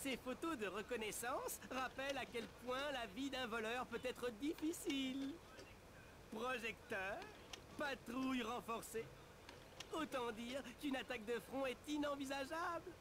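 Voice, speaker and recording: Casting: young nerdy male turtle planner, very high voice, articulate and fussy, cartoon game, noisy background. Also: measured pace. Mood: earnest briefing. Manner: fussy, articulate, instructional briefing. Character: brainy young male turtle mission planner, earnest and precise. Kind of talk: scripted game mission briefing. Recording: game audio with clear background noise.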